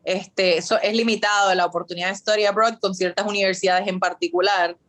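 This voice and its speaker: A Puerto Rican woman in her thirties, speaking Spanish with a Puerto Rican accent, is a guest answering interview questions over a video call. She's chatty, full of fillers, and mixes in English words. Her mid-range voice moves fairly quickly, with fairly even intonation and a fairly bright tone.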